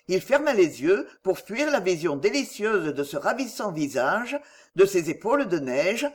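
Woman reading an audiobook novel, dramatic and lively, lots of up and down. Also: medium pitch. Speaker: audiobook narrator. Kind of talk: scripted narration of a classic novel.

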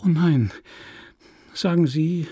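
A man doing a soft-spoken pleading seducer. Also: fairly high pitch, takes it slowly, slightly rough, no room sound, clean studio sound. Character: smooth-talking male seducer, a country gentleman. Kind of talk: audiobook reading.

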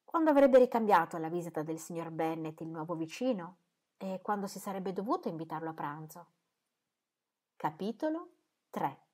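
Calm woman reading a novel. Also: lowish voice, moderate pace. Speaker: audiobook reader. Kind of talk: literary audiobook narration.

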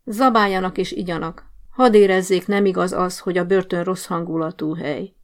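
A woman's voice: fairly low pitch, fairly even intonation, close to an everyday voice. A woman doing a bossy prison sergeant-major. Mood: scheming. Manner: commanding, barking orders.

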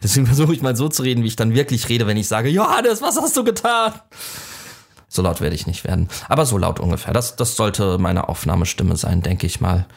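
A man's voice: lowish voice, quick pace, creaky, few pauses, a little mellow. A man co-hosting a film podcast at a kitchen table, chatting casually, often stumbling and restarting his sentences and laughing along. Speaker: podcast co-host.

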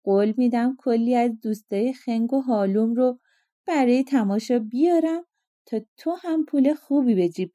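A sly fisherman who talks his way out of trouble, glib and mocking, as a woman narrator puts him on. His voice rides noticeably high and mellow, recorded dry and close. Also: no room sound, close to an everyday voice. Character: sly, smooth-talking male fisherman.

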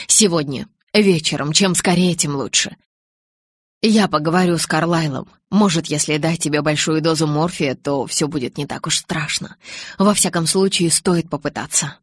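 A woman reading the lines of an intense young male vampire in an audiobook, in a low, insistent murmur. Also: moderate pace, husky, no room sound, studio quality. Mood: earnest.

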